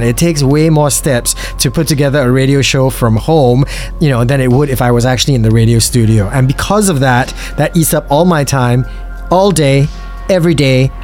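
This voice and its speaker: A man's voice: mid-range voice, darkish tone. A Singaporean man speaking as a paranormal radio host, chatting casually to listeners and his co-host in podcast style. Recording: music bed behind the voice.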